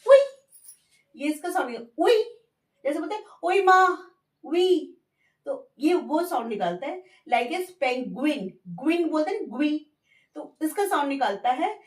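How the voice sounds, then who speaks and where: A woman teaching Spanish words in Hindi, repeating each word slowly and clearly for learners. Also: sits high, very animated, a little mellow, recorded from a distance. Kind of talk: language lesson explained in Hindi. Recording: echoey room, voice off-mic.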